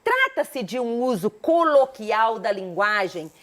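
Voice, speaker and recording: A Brazilian woman teacher giving a recorded school lesson, animated and asking the students many rhetorical questions. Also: fairly high pitch, takes it slowly.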